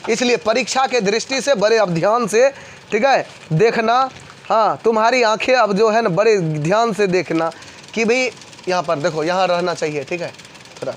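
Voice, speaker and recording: A man leads a classroom physics lesson at a quick clip. He repeats each point and keeps throwing questions at his students to answer in chorus. Faint traffic sounds carry in from outside. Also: high voice. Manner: fast, repetitive call-and-response questioning. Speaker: coaching class teacher.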